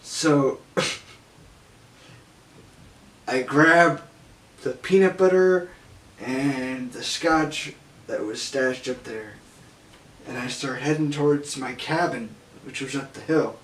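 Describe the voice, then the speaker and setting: A young man recounting a story in loose, profane, unhurried talk that keeps breaking into laughter. He sits well back from the mic in an echoey room, with a faint hiss underneath. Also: medium pitch, a bit bright, recorded from a distance. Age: young adult. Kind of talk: casual storytelling interview.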